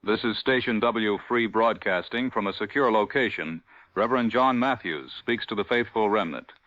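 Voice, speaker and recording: A man's voice: on the low side, normal speed, fairly bright tone, no echo. A man playing a radio announcer, reading an ad and station identification in a formal, upbeat way through an AM radio broadcast sound. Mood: rousing. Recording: dull lo-fi dry radio sound.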